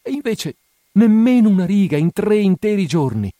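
A man reading aloud, voicing a heartbroken, desperate young woman who pleads in high, anguished cries. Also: big pitch swings, moderate pace, warm tone, no room sound, clean studio sound.

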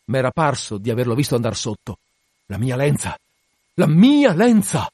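A man voicing a blunt, excitable second mate on a whaling ship, in a dramatic reading. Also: mid-range voice, a little fast, no echo, clean studio sound, lightly acted. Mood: alarmed.

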